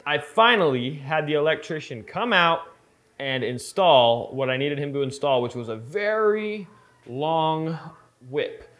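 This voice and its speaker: A man in his thirties with a slightly high voice that sounds congested and nasal, as though he were pinching his nose. He chats to the camera like a vlogger, in an easygoing, conversational way. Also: animated, unhurried, fairly bright tone. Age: 30s. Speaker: screen printing shop owner and vlogger. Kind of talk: casual vlog talk to camera. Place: indoors in a screen printing workshop.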